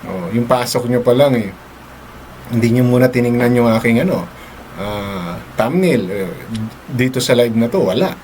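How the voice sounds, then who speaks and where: This live-stream host talks to his audience in a chatty mix of Tagalog and English, laughing frequently and tacking "no?" onto many of his lines. His voice is medium in pitch with a darkish tone and lively intonation, delivered at normal speed over slight background noise.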